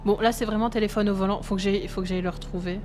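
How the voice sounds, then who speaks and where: A woman with a Belgian French accent commentates her gameplay live, talking straight to her viewers. She chats easily and laughs often between remarks. Her voice sits at a middle pitch. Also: steady tone, very fast, darkish tone, faint music behind. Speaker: streamer.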